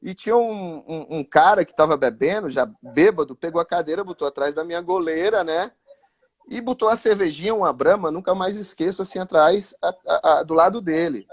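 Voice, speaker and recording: Lively storyteller with a high voice. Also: male voice, fairly quick. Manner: lively anecdotal, with many fillers like "né, cara". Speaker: former futsal goalkeeper telling a story. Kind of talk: casual live-stream storytelling.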